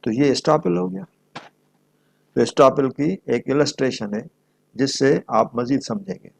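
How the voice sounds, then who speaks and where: Speaking a little slowly with vocal fry, a medium-pitched, animated man lectures on law. He mixes read-out statute with plain examples, going back over each point didactically and rewording it.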